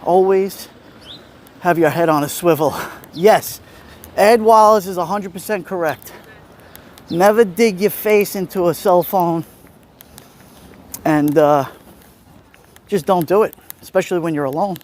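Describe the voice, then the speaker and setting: A middle-aged man with an Italian-American Brooklyn accent livestreams a walk along a city street, chatting casually and answering viewers. His voice sits high, a little slow, with long pauses. Street noise, ambience and passing vehicles fill the outdoor recording.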